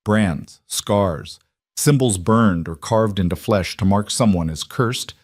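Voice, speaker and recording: Low-voiced man narrating a Western story. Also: slow pace, no echo, clean studio sound. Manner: steady, dramatic storytelling.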